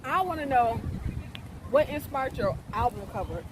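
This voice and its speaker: Playful high-voiced woman hosting a mukbang. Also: sing-song, moderate pace, very noisy. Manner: eating while talking, appreciative mmms; playful, slangy, exclaiming. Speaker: host, interviewer. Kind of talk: mukbang interview chat.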